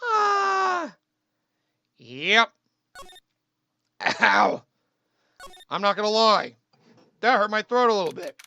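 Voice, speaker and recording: A man's voice: high voice, expressive, takes it slowly, gravelly, pauses often, bright, forceful tone, muffled recording. A man hosting a let's play, reading game dialogue aloud with casual commentary.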